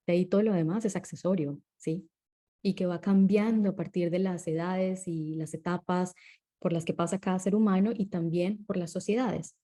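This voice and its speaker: A woman with a mellow, warm voice, talking as a guest in an interview. She explains things calmly and steadily, pausing now and then to check that the listener is following. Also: fairly low pitch. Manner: calm and explanatory, often checks in with tag questions.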